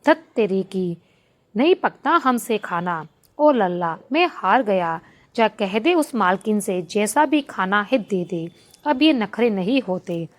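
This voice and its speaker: A woman's voice: mid-range voice, expressive, takes it slowly. A woman voicing a hearty, bossy elder brother god who talks in a blunt, rustic, grumbling way. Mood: despairing.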